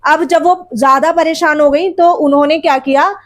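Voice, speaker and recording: A woman's voice: high-pitched, fairly even intonation, normal speed. A woman teacher explaining a textbook story to students. She repeats word meanings and asks rhetorical questions as she goes.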